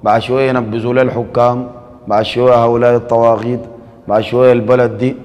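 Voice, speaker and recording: A man preaches with a Sudanese Arabic accent, moving between teaching and acting out quoted exchanges in an easy, conversational way. His voice sits at a middle pitch for a man. The recording carries a long reverb, as in a large hall. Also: little pitch movement, fast, muffled recording. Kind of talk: sermon.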